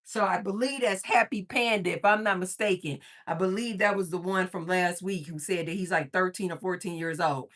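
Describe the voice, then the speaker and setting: A middle-aged woman hosting a livestream and telling a story in an animated way. She laughs often and swings between whispers and shouts. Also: lowish voice, moderate pace, few pauses. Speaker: livestream host. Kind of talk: casual storytelling.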